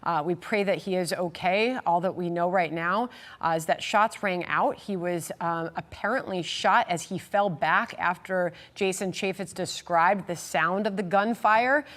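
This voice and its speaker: A woman's voice: lowish voice, unhurried, a bit bright. A woman anchoring live breaking news, hesitant while relaying details.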